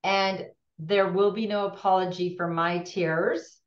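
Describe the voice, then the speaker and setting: A woman's voice: medium pitch, steady tone, unhurried. A woman co-hosting a casual heart-to-heart conversation, talking expressively and laughing often. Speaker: co-host. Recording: echoey room, dull lo-fi sound.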